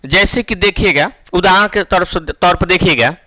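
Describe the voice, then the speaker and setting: A man teaching Hindi grammar as a classroom lecture, who repeats each phrase slowly for emphasis and asks the class questions. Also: high-pitched, pushed and bright, no room sound.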